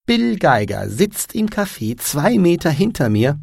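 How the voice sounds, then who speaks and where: A man doing a high breathless excitable young woman. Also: unhurried, gravelly, slightly rough, dry recording, clean studio sound, heavily acted. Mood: urgent. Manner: high-pitched, breathless, exclaiming.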